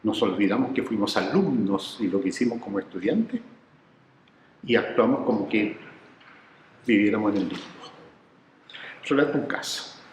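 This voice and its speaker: A man's voice: on the low side, normal speed, long pauses, reverberant, big-room sound, a little hiss or hum, low-quality recording. A man, telling his research stories in an interview and acting out the people he quotes. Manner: animated storyteller who acts out quoted voices. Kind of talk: reflective storytelling interview.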